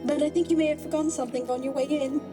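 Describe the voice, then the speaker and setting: A woman plays a rabbit trickster villainess in an audio drama, theatrical and gloating, mocking and hammy in the manner of a stage host. Her voice is high-pitched, with music under it.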